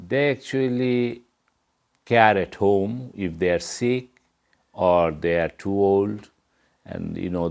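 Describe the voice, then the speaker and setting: A man's voice: sits low, creaky, a little mellow. A middle-aged man from Bangladesh, speaking earnestly in as an interview guest. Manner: earnest, plain-spoken, non-native English grammar. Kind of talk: interview answers.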